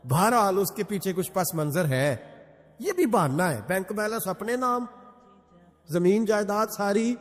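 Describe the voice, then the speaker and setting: A man delivering a sermon as a religious preacher, pressing his listeners with pointed rhetorical questions. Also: high-pitched. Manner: emphatic, fires rhetorical questions at the crowd. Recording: long hall reverb with faint music.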